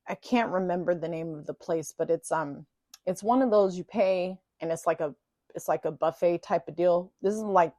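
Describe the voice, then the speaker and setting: A woman telling a personal story in a casual, chatty monologue, animated and self-teasing. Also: lowish voice, dry recording, clean studio sound.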